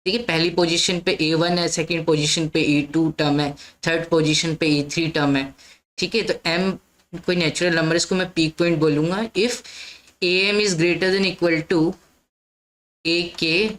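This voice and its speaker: A woman's voice: sits low, fairly even intonation, unhurried, rough recording. A woman teaching a maths lesson, explaining step by step and often checking in with her listeners. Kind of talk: lecture mixing Hindi and English.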